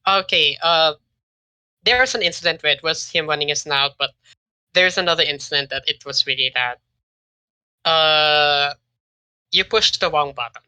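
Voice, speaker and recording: A young man with a very bright, sharp-edged voice talks as a podcast guest. He rambles casually, circling back over his points. His voice sits close and dry, with no room sound. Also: on the high side, moderate pace, pauses often, clean tone, dry recording, low-quality recording. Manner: rambling, many fillers and restarts.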